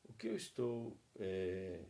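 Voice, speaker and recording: A man with a gravelly voice helps lead a church couples seminar. He reads example phrases slowly and leads a prayer. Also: sits low, big pitch swings, warm tone. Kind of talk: reading example phrases and praying.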